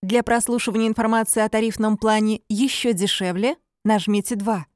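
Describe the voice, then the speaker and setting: A woman reading scripted phone menu prompts in a measured, formulaic announcer's manner. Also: medium pitch, fairly even intonation, darkish tone, no echo, clean studio sound.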